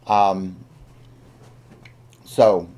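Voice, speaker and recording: A man talks through an informal vlog update in a relaxed, mellow voice. His delivery is slow and halting, full of ums and searching pauses, as he hosts without a script. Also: low voice, a little hiss or hum. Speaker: video channel host. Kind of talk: casual, unscripted vlog update.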